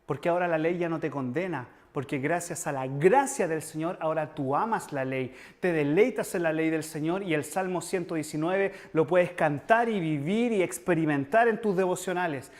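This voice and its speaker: High-voiced earnest male preacher. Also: a little mellow. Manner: earnest, emphatic, addresses listeners directly. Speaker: preacher teaching church history. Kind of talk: sermon-style lecture.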